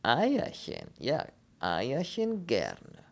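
A man voicing a bearded Polish émigré who speaks slow, broken German with a Polish accent. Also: medium pitch, huge pitch swings, pitched above the performer's own voice, exaggerated voice. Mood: yearning. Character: impoverished Polish male émigré, bearded, smug.

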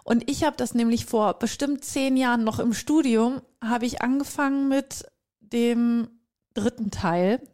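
A woman's voice: a little high, a little slow, darkish tone. A woman in her thirties co-hosting a podcast, rambling and exasperated in casual chat, laughing often. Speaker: podcast co-host.

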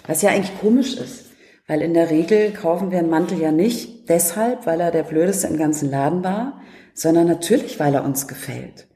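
Woman guest author, lively anecdote teller, mellow lowish voice, echoey room. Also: brisk. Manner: lively storyteller, laughs often. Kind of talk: interview talk.

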